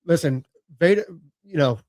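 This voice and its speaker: A man's voice: a little high, lively intonation, moderate pace, a little mellow, no echo. A man in his late thirties talking casually as a podcast guest, rambling with lots of "you know" and "like" and casual swearing. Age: late 30s. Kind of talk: casual conversation.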